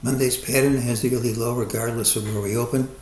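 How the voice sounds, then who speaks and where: A man talking through a stock market chart forecast in a measured, cautious way, often hedging his calls. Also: mid-range voice, fairly even intonation, a little mellow, echoey room. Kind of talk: chart analysis monologue.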